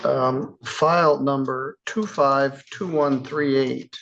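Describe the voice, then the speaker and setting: A man presiding as a judge in a courtroom, speaking in a measured, plainspoken way with casual asides. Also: mid-range voice, fairly even intonation, gravelly, fairly bright tone, dull audio, slight background noise. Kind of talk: courtroom proceedings.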